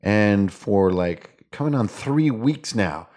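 A man's voice: fairly low pitch, lively intonation, slow pace, darkish tone. A man hosting a casual gaming podcast, rambling along in a playful, theatrical, slangy way. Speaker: podcast host.

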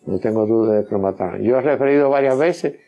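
An older man, recalling past events in an interview and often halting to repeat and restart his words. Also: medium pitch, highs cut off. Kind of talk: personal recollection in an interview.

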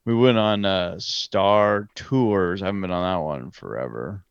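A man with a very low, gravelly voice rambles casually through a trip story on a podcast, often stopping to correct himself. The sound is dry and a bit dull, like a lo-fi home mic. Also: normal speed, dry recording. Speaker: podcast co-host. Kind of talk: casual chat.

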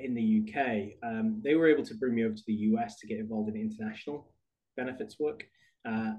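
Low-voiced British man telling his story. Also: highs cut off. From United Kingdom. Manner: relaxed, rambling storyteller. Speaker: podcast guest. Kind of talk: conversational interview.

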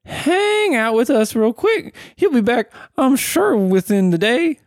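A man's voice: very high voice, sing-song, a little slow, no echo, clean studio sound, voice pushed up, full character voice. A man voicing a friendly town drunk, a blacksmith's apprentice, in folksy, rambling drunk talk for a tabletop game. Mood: rambling, amiable. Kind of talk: tabletop role-play character.

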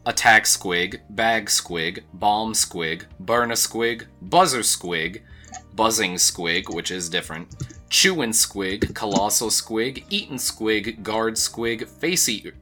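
A man's voice: fairly low pitch, expressive, slow, pushed and bright, faint music behind. A man co-hosting a casual podcast, loose and joking, swearing often and laughing. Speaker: podcast co-host. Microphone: own mic, recorded separately.

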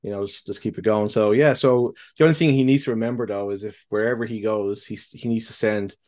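A man co-hosting a podcast, talking casually in halting bursts full of restarts and fillers, with casual swearing. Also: on the low side, steady tone, a little mellow. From the UK and Ireland. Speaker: podcast co-host. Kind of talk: casual chat.

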